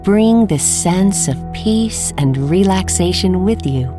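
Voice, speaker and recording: Lady leading a meditation, slow calm voice, low-ish and soft, faint music behind. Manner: slow, calm, soothing instructions. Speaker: meditation guide. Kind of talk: scripted guided meditation.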